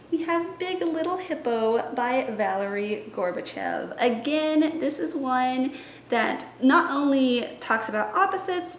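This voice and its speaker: With a high, bright voice, a woman who sounds about twenty-something talks chatty, upbeat and teacherly as she plans story time as a library science student for her casual teaching vlog. Her voice echoes around a roomy space over faint noise.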